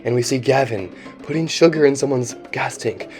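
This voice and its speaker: A man's voice: mid-range voice, normal speed, darkish tone. A young man co-narrating a parody nature documentary in a grandiose, mock-serious manner. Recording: music playing underneath.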